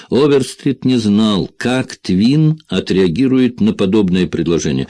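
A man narrating a thriller audiobook in a steady, measured reading. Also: lowish voice, no echo.

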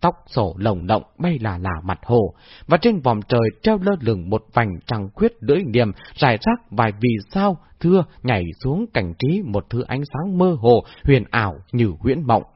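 A man's voice: mid-range voice, normal speed, husky, no room sound. A man narrating a novel expressively as an audiobook reader. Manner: expressive, lively storytelling. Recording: dull lo-fi dry recording.

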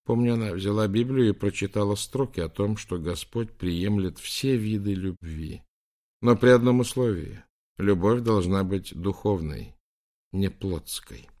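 A man voicing a gentle, sorrowful elderly bishop in an audiobook, speaking softly and confidingly. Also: lowish voice, a little slow, voice pushed up, natural voice. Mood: confessing.

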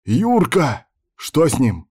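A man reading an audiobook, voicing a gruff male squad commander who barks urgent orders in battle. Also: mid-range voice, lively intonation, a little slow, a little mellow, dry recording, clean studio sound, voice pushed up, natural voice. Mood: shouting orders.

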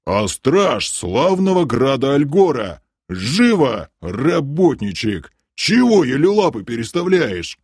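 A man voicing a stern, gruff male city guard who barks orders and grumbles in an audiobook. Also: medium pitch, very animated, slow pace, hardly any pauses, darkish tone, dry recording, studio quality, pitched above the performer's own voice, exaggerated voice. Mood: angry. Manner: barking orders, grumbling, suspicious. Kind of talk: audiobook character voice.

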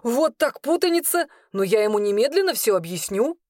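A woman voicing a cheerful, eager young man who talks in an excited, pleading way. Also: medium pitch, moderate pace, no echo, clean studio sound, close to an everyday voice.

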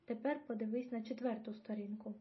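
A woman reading an older grandfather who patiently coaches his grandson through grammar, gently teasing. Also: fairly high pitch, steady tone, a little fast, close to an everyday voice. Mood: coaxing. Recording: dull lo-fi audio.

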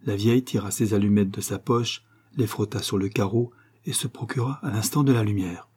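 A man reading a classic novel aloud in measured, even scripted narration. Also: fairly low pitch, husky. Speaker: audiobook reader.

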